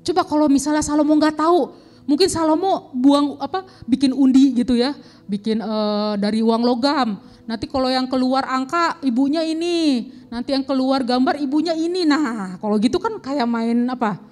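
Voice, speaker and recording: A woman's voice: sits high, moderate pace. A young woman teaching an online Sunday school lesson, telling a Bible story to children and acting out the characters with gasps and exclamations. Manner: animated, acts out characters' lines with gasps and exclamations.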